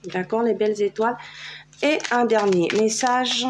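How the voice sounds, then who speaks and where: A French tarot card reader gives a casual guidance reading in a video, chatty and hesitant and full of fillers. Her voice is a little high and her speed normal. Background noise can be heard.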